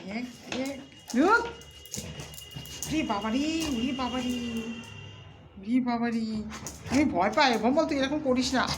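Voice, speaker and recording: A woman's voice: fairly high pitch, measured pace, pauses often, over music. A woman playfully scolding and coaxing her pet, with repeated exclamations and pleading. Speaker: pet owner.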